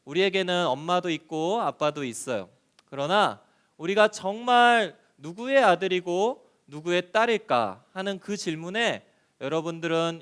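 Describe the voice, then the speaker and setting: A man preaching a children's sermon. He tells a Bible story in an animated way and asks the children questions. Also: high-pitched, clean tone. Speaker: children's pastor.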